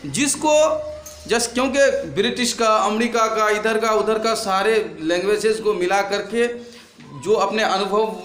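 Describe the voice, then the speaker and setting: A male teacher with a very high voice works through a lesson in front of a board. He keeps asking his class questions and repeating the answers back. The sound rings around a roomy, echoey classroom. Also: fairly even intonation, measured pace, a bit bright.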